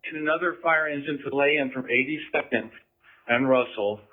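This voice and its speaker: A man's voice: medium pitch, moderate pace. A man speaking as a fire division officer, giving urgent, direct commands over a two-way radio. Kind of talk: urgent firefighter radio traffic. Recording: tinny, narrow-band radio scanner feed.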